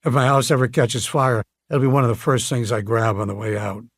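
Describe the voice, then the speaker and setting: A man's voice: medium pitch, flat delivery, fairly quick, dry recording, studio quality, natural voice. A man reading an audiobook, voicing a friendly, talkative male coffee shop owner who speaks in a plainspoken way. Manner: warm, chatty and plainspoken.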